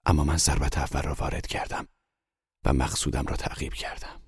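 A man reads a story aloud with a very low, husky voice, taking his time over each sentence. The sound is dry and close, with no room around it. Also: fairly even intonation, no echo. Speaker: narrator. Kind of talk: audiobook narration.

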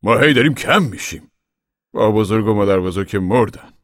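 Brief: man voicing a tired, worried old farmer, low voice, dry sound. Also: lively intonation, a bit bright, no echo. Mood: pleading. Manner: worried, pleading.

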